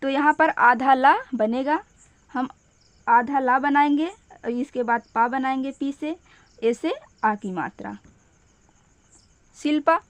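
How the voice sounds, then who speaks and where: Female teacher, high pitch, unhurried step-by-step delivery, patient and repetitive. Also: no echo. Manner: patient, repeats each step slowly. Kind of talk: step-by-step spelling lesson.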